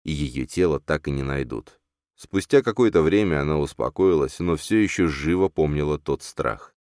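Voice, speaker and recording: A man narrating a novel aloud in an expressive storytelling reading. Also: rumbling low, normal speed, dry recording, studio quality. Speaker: audiobook narrator. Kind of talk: scripted narration.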